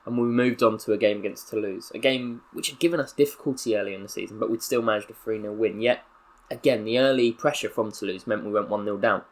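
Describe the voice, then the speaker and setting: A young gaming YouTuber with a Southern English accent speaks fast in a fairly low voice, playing a career-mode footballer reading a mock-solemn press statement punctuated by bursts of excitable commentary.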